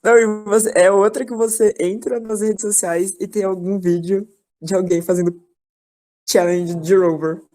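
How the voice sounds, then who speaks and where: A woman's voice: mid-range voice, fairly even intonation, moderate pace, warm tone. A woman, chatting casually and enthusiastically in an online class over a video call.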